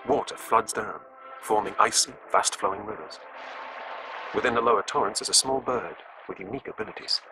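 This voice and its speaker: A man with a British accent narrating a scripted nature documentary with measured, deliberate phrasing. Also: on the low side, poor audio. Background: music.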